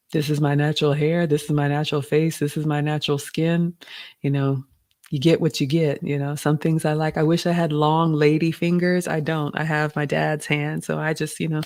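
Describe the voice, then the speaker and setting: A middle-aged woman with a slightly deep, raspy, somewhat mellow voice casually hosts a live stream, reading viewer questions out loud. The recording is dry, with clean studio sound.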